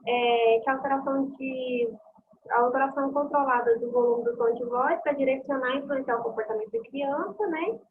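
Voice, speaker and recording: A woman's voice: high voice, brisk. A woman student asking her teacher a question on a video call, hesitant and searching for words. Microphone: computer or phone mic on a video call. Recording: thin phone-like call audio with faint hiss.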